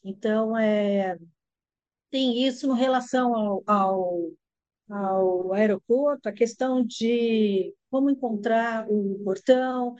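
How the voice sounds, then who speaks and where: Speaking slowly in a slightly high, darkish, clean voice, a carioca Brazilian woman who teaches English answers interview questions with explanations and lots of fillers. The sound is lo-fi.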